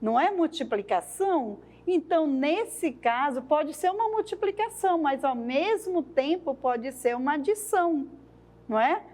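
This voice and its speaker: A woman's voice: high voice, lively intonation, normal speed, a little mellow. A woman training teachers, explaining lesson activities at a thoughtful pace and often adding tag questions.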